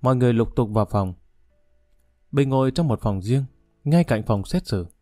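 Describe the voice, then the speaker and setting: A male audiobook narrator reads a story in a steady, measured way. His voice is dark and mellow, at a middle pitch. The recording is dry and close. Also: dry recording, faint music behind.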